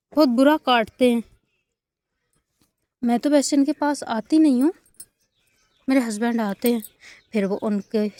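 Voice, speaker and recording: A woman's voice: high voice, mellow, no room sound. A young woman, chatting casually in a village vlog and coaxing calves playfully while she feeds them outdoors. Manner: playful, coaxing talk to calves, laughs often. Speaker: village vlogger. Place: outdoors at a village cattle shed.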